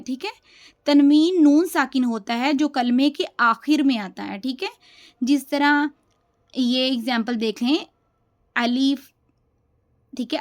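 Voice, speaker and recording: A woman teaching a beginner tajweed lesson, patient and repetitive, spelling out sounds slowly and checking in with "theek hai" after each point. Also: high voice. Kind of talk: beginner lesson explaining step by step.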